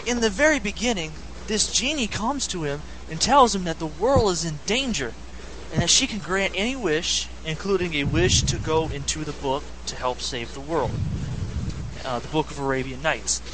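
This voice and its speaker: A man's voice: on the high side, animated, moderate pace, background noise. A man co-hosting a casual podcast, talking about a video game story with enthusiasm. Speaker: podcast co-host.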